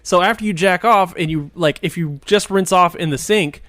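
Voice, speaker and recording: A man's voice: sits high, moderate pace, a bit bright, no echo, studio quality. A man co-hosting a podcast, talking bluntly and jokily in casual chat. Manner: blunt, laid-back, jokey. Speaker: podcast co-host.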